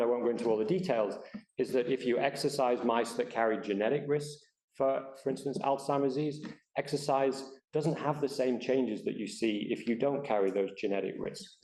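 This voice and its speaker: A man in his fifties with an English accent, speaking as a scientist on a library panel, thoughtful and halting with many ums and restarts. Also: on the low side, creaky, darkish tone. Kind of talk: panel talk to a live audience. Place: library meeting room. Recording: roomy hall echo.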